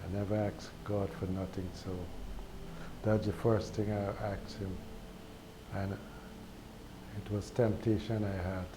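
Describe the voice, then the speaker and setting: Slow, low-voiced Guyanese man. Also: level tone. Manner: slow, halting, with repeated words and pauses. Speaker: speaker sharing a spiritual testimony. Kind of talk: personal testimony monologue. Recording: recorded with clear background noise.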